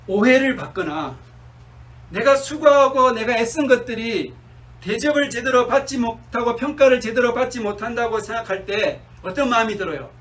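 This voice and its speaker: A male pastor preaching a sermon, asking his congregation questions and answering them himself, sometimes slowing down and dropping to a soft murmur. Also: sits high, far from the mic, low-quality recording. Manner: slows down and drops to a near-murmur on key words.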